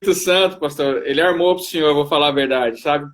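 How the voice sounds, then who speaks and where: A man's voice: a little high, fast talker. A Brazilian man hosting a casual chat, often breaking in with words of praise and agreement. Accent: Brazilian Portuguese. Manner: affirming, interjects praise often. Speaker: interviewer.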